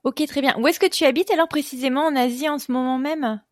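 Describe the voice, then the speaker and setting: A woman hosting a podcast interview, chatty and quick to joke. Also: sits high, no room sound, clean studio sound. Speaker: podcast host.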